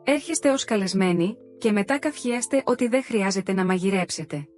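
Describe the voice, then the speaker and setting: A woman voicing an exhausted young wife and hostess who has had enough of her ungrateful in-laws, read in a calm, even way. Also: mid-range voice, faint music behind, close to an everyday voice. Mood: indignant.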